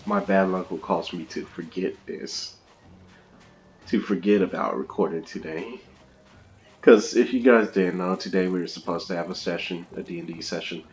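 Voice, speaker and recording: A man hosting a casual let's-play, chatting and rambling with frequent laughs through a gaming headset. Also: low voice. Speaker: gamer, video host.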